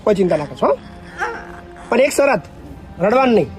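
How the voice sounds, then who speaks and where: A man with a very high voice interviews elderly women casually. He is reassuring and keeps repeating their answers back to them, with faint music behind. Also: very animated, brisk. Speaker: old-age home organizer and vlogger.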